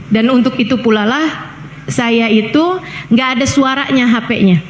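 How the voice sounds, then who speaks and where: High-voiced woman preaching in an echoey hall. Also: moderate pace, dull audio. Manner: chatty storytelling with acted quotes and joking asides. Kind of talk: informal religious lecture. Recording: echoey hall, faint background noise.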